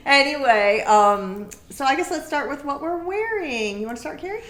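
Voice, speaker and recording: An American woman with a croaky, froggy, congested voice, chatting casually as she hosts a podcast. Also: high-pitched, animated, normal speed, fairly bright tone. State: congested sinuses. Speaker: podcast host. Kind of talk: casual chat on a knitting video podcast. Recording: echoey room.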